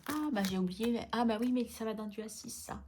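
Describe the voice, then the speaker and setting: A woman's voice: fairly high pitch, fairly quick, darkish tone, a little hiss or hum. A woman vlogging about her budget envelopes, chatting casually and playfully scolding herself as she sorts things. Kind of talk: casual chat while sorting envelopes.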